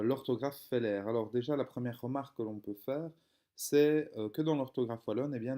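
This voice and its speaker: A man's voice: medium pitch, warm tone. A young man, explaining a reading lesson step by step, with frequent hesitations and fillers. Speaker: teacher.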